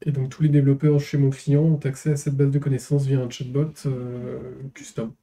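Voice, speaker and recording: Dev guy on a podcast panel, super dark voice, pretty monotone, breaks down tech stuff simply. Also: medium pitch, brisk. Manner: explains technical terms plainly. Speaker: developer, podcast guest. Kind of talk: casual tech panel chat.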